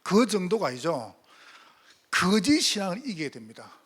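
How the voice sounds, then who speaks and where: A male pastor preaching a sermon, firing rhetorical questions and swinging between loud emphatic calls and hushed asides. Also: sits high, sing-song, moderate pace, breathy edge.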